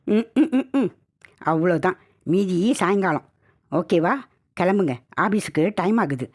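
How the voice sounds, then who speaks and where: A woman's voice: lowish voice, animated, slow pace. A woman voicing a young wife, affectionate and teasing, in a spoken horror story. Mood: coy teasing. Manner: coy, playful pleading.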